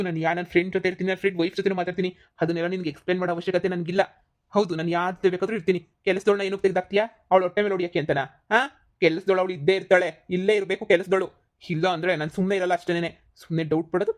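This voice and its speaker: A woman's voice: fairly low pitch, close to an everyday voice. A woman doing a scolding short-tempered husband. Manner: scolding, rapid, repeats insults. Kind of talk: cartoon comedy voice acting.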